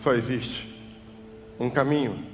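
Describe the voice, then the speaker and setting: Brazilian pastor preaching, goes from shouting to almost whispering, echoey church hall. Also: male voice, medium pitch, takes it slowly. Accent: Brazilian Portuguese. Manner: preaching with big swings from loud cries to soft hushed tones. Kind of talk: sermon. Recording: church hall reverb with music behind.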